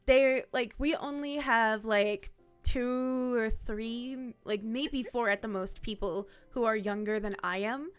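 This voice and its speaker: Twenties woman from ohio chatting on stream, kinda high voice, says like a lot. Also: clean tone, soft background music. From Ohio, USA. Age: 20s. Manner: chatty, many fillers, quick laughs. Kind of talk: casual chat.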